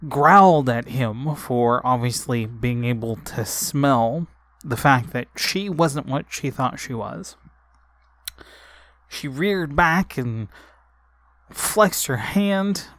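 A man narrates his solo tabletop adventure in a deliberate storytelling manner. His voice sits at a middle pitch and moves slowly, recorded dry and close. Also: a bit bright, dry recording.

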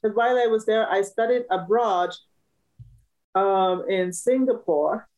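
A woman's voice: mid-range voice, unhurried, darkish tone, poor audio. A woman from Cameroon, a musician guest in a casual interview, talking cheerfully and laughing often.

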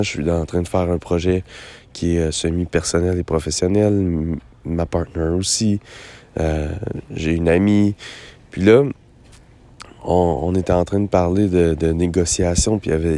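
A Quebec man speaks in a low, gravelly, hoarse voice with a dark, relaxed tone. His delivery stays fairly flat as he thinks aloud in a casual monologue, hesitating and doubling back on his words. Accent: Quebec French. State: hoarse after a late night. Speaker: host of a personal voice-memo show. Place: outdoors on a lakeside beach.

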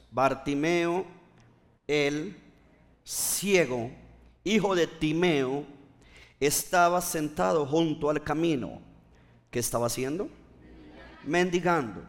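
A man's voice: on the high side, lively intonation, slow pace, long pauses, in a large hall. A male pastor preaching a fervent sermon, repeating phrases and urging the congregation to respond. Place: church.

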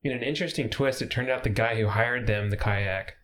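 A man's voice: mid-range voice, a little fast, fairly bright tone, a little hiss or hum. A man hosting a casual podcast chat, laid-back and swearing casually, laughing often. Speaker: podcast host.

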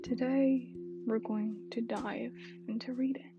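A woman hosting a podcast, softly whispering her introduction and reading a play aloud, in a dull lo-fi recording. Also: fairly high pitch, steady tone, loud music behind the voice. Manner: soft, unhurried whisper. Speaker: podcast host and reader. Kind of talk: whispered ASMR-style reading.

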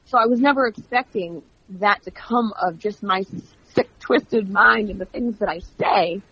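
A chatty woman guest with a husky, breathy voice tells stories in a lively, animated way, acting out bits of dialogue. Her voice sits at a middle pitch, and the recording sounds dull and lo-fi. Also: unhurried, no echo. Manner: chatty, animated storyteller who acts out quoted dialogue. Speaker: wrestling commentator and guest. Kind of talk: casual interview. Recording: dull lo-fi audio.

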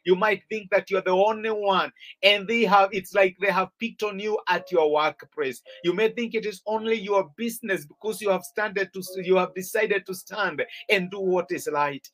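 High-voiced man preaching earnestly. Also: normal speed, a bit bright, poor audio. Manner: earnest exhorting delivery with repeated phrases. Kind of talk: sermon.

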